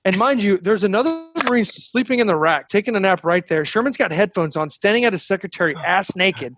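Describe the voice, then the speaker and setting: High-voiced man swapping profane military stories. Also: lively intonation, a little fast. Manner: heavily profane, slangy, emphatic. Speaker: former military staff sergeant telling stories. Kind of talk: casual podcast storytelling.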